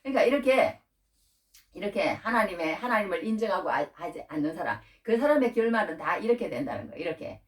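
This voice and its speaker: A woman preaching a Bible-teaching sermon, animated and full of rhetorical questions, acting out quoted prayers. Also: mid-range voice, quick pace, far from the mic. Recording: echoey room, voice from off-mic.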